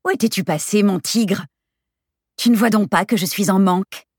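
A woman's voice: mid-range voice, moderate pace, darkish tone, husky, no room sound, clean studio sound, pitched above the performer's own voice, lightly acted. A woman voicing a brash, teasing young woman friend with a bold, crude, exclamatory way of talking in a storybook reading.

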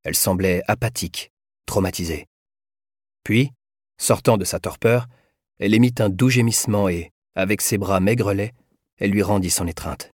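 A man reading a novel aloud as narrator, in a measured, even voice. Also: lowish voice, dry recording, studio quality. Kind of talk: audiobook narration.

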